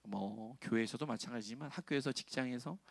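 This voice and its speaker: A man's voice: mid-range voice, fairly quick, vocal fry, no echo. A middle-aged man preaching to young adults, conversational, often questioning the congregation and acting out quoted lines. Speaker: pastor.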